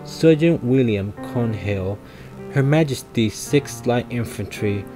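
A man's voice: mid-range voice, expressive, takes it slowly, mellow, faint music behind. A man voicing a formal, polite doctor, reading his game lines aloud plainly. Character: formal male doctor investigator.

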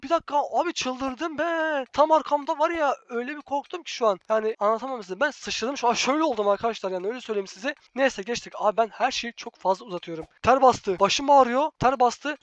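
High-voiced fast-talking young man gaming. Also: no room sound, dull audio. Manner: chatty, excitable, constantly addressing viewers as friends. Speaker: gaming channel host. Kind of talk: let's-play gameplay commentary.

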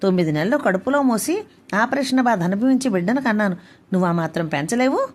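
A woman's voice: mid-range voice, lively intonation, fast, a little mellow, lightly acted. A woman voicing an indignant young working mother who argues sharply with her husband in a read-aloud story. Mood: angry.

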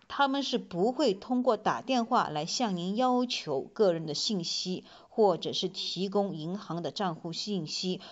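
A woman police spokesperson giving a public safety announcement over a landline phone, in a measured, steady way with frequent soft fillers. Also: mid-range voice, dull audio. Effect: heard over a landline phone.

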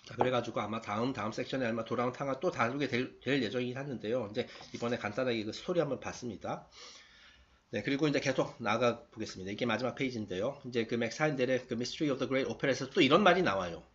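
A man with a mid-range voice talks through a text in a relaxed, explanatory way. He reads passages aloud and restates them in plain words, often checking in with his listeners. The recording sounds dull and lo-fi. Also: medium pitch, fast. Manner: reads passages aloud, then paraphrases them with frequent tag questions. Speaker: lecturer reading and explaining a text. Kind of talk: casual explanatory talk.

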